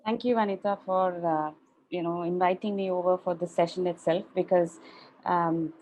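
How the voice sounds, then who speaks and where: A woman's voice: on the low side, fairly even intonation, moderate pace, a little mellow, rough recording. A woman coach, introducing herself on a video call, hesitant with many fillers. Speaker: coach and co-facilitator.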